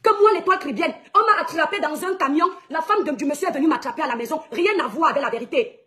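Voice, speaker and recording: Woman, blogger, very high voice, fast talker, heated live-stream rant, indignant, scolding. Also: pushed and bright. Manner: indignant, scolding, addresses rivals and followers directly.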